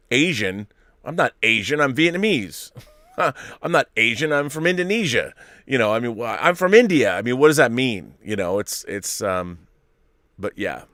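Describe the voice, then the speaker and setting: Reading viewer super chats on his live stream, this middle-aged host wanders through his opinions casually, cutting himself off and starting over many times. His mid-range voice is a bit bright, and the recording is dry.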